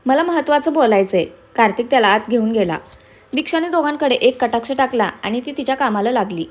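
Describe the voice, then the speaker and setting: A woman narrating a serialized story in a steady, expressive reading style. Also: fairly high pitch, fast talker.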